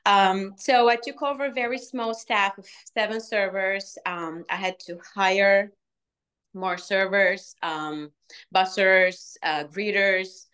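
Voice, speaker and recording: Bulgarian-accented woman, earnest, pausing. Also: on the low side, fairly bright tone, clear, resonant tone. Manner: earnest, many "um" pauses. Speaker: alumna guest, restaurant manager. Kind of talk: interview answers.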